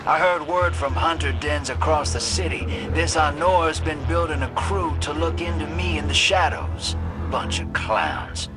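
A man's voice: on the high side, animated, a little slow, music in the background. An actor playing a shady, cynical male drifter and old survivor in a video game, with a sly, folksy drawl. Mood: sardonic, suspicious. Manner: sly, folksy drawl, addressing the listener as kid and partner. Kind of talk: video game character monologue.

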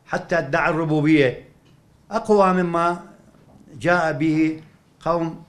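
A male university professor with an Iraqi Arabic accent giving a lecture. He explains step by step, often asking and answering his own questions, and recites verses slowly. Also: on the high side, fairly even intonation. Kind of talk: academic lecture at a cultural evening.

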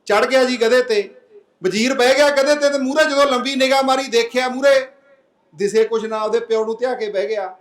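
A man speaks in a very high voice to a seated village crowd. He talks plainly and earnestly, putting rhetorical questions to his listeners and telling a folk parable. His voice rings through an echoey public-address sound. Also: brisk. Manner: earnest, plain-spoken exhorting. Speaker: speaker at a public anti-drug meeting.

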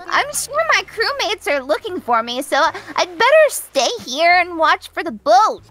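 A cheerful castaway sailor, as a woman puts him on, high and swooping, with a bright, ringing tone. Theatrical and exclamatory, hamming up every line like a game character read aloud. Faint game music plays underneath. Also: very animated, slow pace, long pauses, full character voice. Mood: cheery. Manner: theatrical, sing-song, exclamatory. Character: stranded cheery castaway sailor, pun-loving. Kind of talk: reading game dialogue aloud in a voice.

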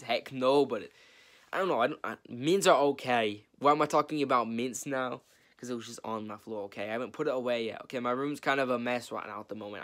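A teenage boy vlogs from his bedroom, chatting through a list of questions about himself. He rambles, teases himself and laughs often, with a voice of ordinary pitch for a young man. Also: a bit bright. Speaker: YouTube vlogger. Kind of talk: casual Q&A vlog to camera.

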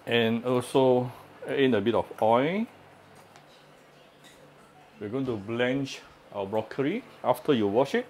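At the stove in a home kitchen, a man runs a relaxed cooking demo for his channel, chatting and explaining while dropping many "uh" fillers. His mid-range voice is animated and a bit mellow, slow with frequent pauses, and there's slight background noise.

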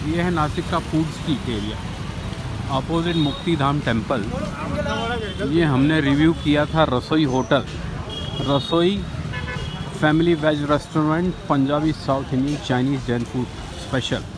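A man's voice: a little high, unhurried, low-quality recording. A man with an Indian accent giving a casual walking tour, chatting and pointing out sights as he walks along a busy city street at night. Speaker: vlogger. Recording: loud street traffic noise.

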